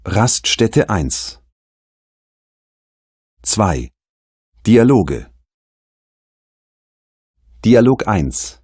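A man's voice: fairly low pitch, sing-song, a little mellow, breathy edge, dry recording. A man announcing exercise numbers in scripted course narration, recorded in a studio. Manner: very slow, announcing.

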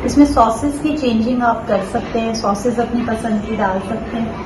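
A young woman chats her way through a home recipe vlog in a fairly high voice. She talks loosely, with plenty of fillers. The camera mic sits a few feet off in an echoey kitchen with steady background noise. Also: moderate pace, crowd noise. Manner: chatty, gestures a lot while talking, many fillers. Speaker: cooking vlogger. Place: home kitchen and dining table, indoors. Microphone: camera mic from a few feet away.

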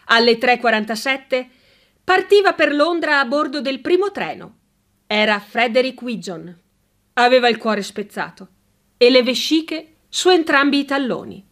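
A woman narrating a humorous story as an audiobook, with a lively and expressive reading. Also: high voice, moderate pace.

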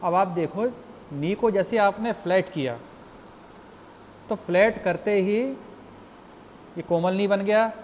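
A man teaching music theory in a slow, patient lecture, explaining step by step and asking the class questions. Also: high voice, a little mellow, a little hiss or hum.

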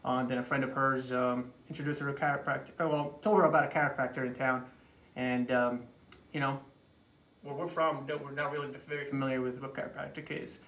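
A chiropractor from Iraq, late 20s, gets introduced and shares a personal anecdote in a casual interview, using a slightly bright mid-range voice with little pitch movement. He falters often, going back over words and phrases. The recording, made on a phone camera a few feet away in a small office, is echoey, distant, and lightly noisy.

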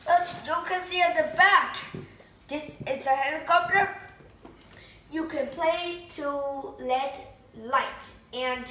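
Bright-voiced woman unboxing a toy helicopter. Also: high voice. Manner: excited, exclaiming, talks to viewers as guys. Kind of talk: casual unboxing vlog. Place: indoors at home. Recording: echoey room, faint noise.

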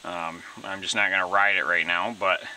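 A DIY mechanic vlogger casually narrates his own repair work in a laid-back, rambling way full of fillers, moving between garage and backyard, indoors and out. His voice is low and sharp-toned, flat in delivery at normal speed. The recording is low quality with a little hiss or hum.

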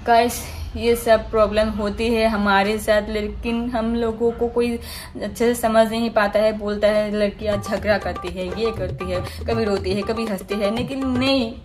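Higher-pitched young woman chatting casually. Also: fairly even intonation, normal speed, soft background music. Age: 20s. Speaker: vlogger. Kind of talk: casual chat to viewers. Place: bedroom at home. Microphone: phone or camera within arm's reach.

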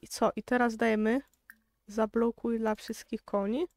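A woman's voice: a little high, level tone, normal speed, a little mellow, no room sound. A young woman with a Polish accent giving casual gameplay commentary, chatty and exasperated, talking straight to her viewers. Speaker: gaming YouTuber.

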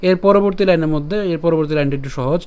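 A man teaching verse pronunciation over slides, patiently repeating each word and syllable slowly and now and then chanting the lines to a melody. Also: on the high side, darkish tone, clear, resonant tone. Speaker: scripture recitation teacher. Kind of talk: slide-based pronunciation lesson.

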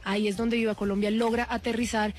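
A woman's voice: a little high, level tone, fast talker, faint music behind. A woman explaining events as a journalist in a live radio news discussion.

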